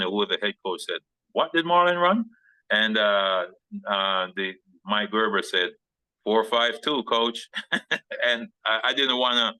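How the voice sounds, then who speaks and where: A man's voice: lowish voice, bright, forceful tone, dry recording, rough recording. A man who is a former football player, telling a rambling story as a guest on a video call, with many restarts and small laughs.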